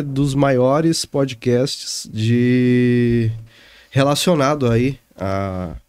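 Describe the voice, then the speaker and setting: A man from Minas Gerais, a podcast guest chatting in a relaxed, emotional way. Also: mid-range voice, no room sound. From Minas Gerais, Brazil. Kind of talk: casual conversation.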